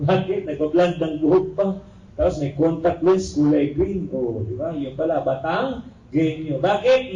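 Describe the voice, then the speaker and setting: A man's voice: on the high side, dark tone. A man with a Filipino accent giving a classroom lecture as a review lecturer, joking and quizzing his students. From Philippines. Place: lecture room. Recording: echoey room, recorder far off.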